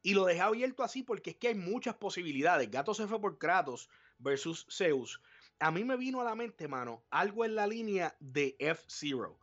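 A man co-hosting a live podcast, animated and profane, acting out his reactions. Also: high-pitched, normal speed, highs cut off. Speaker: podcast co-host. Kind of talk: casual live podcast chat.

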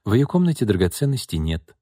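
A man voicing a young heiress who speaks quietly and calmly, in a read-aloud audiobook. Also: lowish voice, fast talker, no room sound, clean studio sound. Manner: quiet, calm and even. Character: calm, quiet young heiress, composed and resolute.

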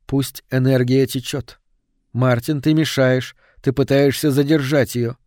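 A man reading the part of a calm woman medium who speaks softly and slowly at a seance. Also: mid-range voice, dry recording, studio quality, lightly acted. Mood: hushed. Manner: hushed, slow and soothing. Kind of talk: audiobook reading.

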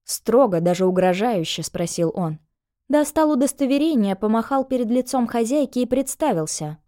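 A woman narrating an audiobook in a calm, even storytelling voice. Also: fairly high pitch, normal speed.

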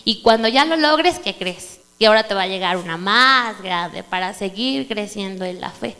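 A woman with a Mexican Spanish accent, giving a sermon testimony in a church service and telling her story in an animated way. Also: mid-range voice, moderate pace. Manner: animated storytelling, addresses listeners as brother. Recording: reverberant hall with mains hum.

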